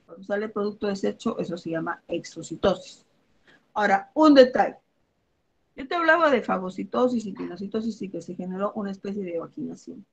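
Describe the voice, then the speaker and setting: A woman's voice: mid-range voice, animated, fairly quick, vocal fry, slightly rough, low-quality recording. A woman teaches a biology review lesson, walking through examples and checking in with her students as she goes. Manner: explains with everyday examples, checks in with "¿ok?" and "¿ya?".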